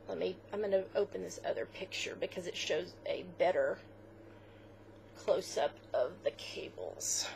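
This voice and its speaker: With vocal fry and a slightly mellow, low voice, a woman co-hosting a knitting podcast chats casually at a moderate pace, filling her talk with fillers. She sometimes comes close to tears, and there's slight background noise.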